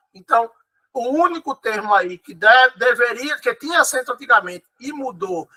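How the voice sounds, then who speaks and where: Very bright Brazilian male teacher. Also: high-pitched, poor audio. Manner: patient and explanatory, repeats key words, checks in with "tá?". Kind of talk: online exam-prep lesson.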